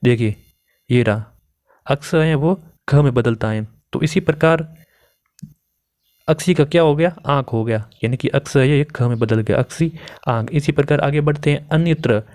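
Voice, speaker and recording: A man's voice: mid-range voice, moderate pace, a little mellow. A young man giving an exam-prep grammar lesson, asking questions and then answering them himself. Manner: asks and answers his own questions. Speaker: Hindi grammar teacher.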